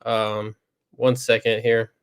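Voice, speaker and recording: A man in his thirties hosting a casual livestream trivia chat, relaxed and rambling with many fillers, on a video call mic. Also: fairly low pitch, slow, clear, resonant tone. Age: 30s.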